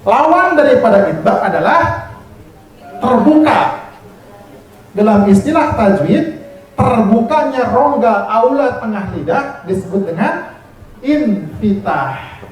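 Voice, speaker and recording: A man's voice: extremely high pitch, lively intonation, slow, pauses often. A man teaching Quran recitation rules to a class, counting them in, drilling terms and teasing them with praise. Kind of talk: classroom tajwid lesson with call and response. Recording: echoey room from far off, noisy crowd.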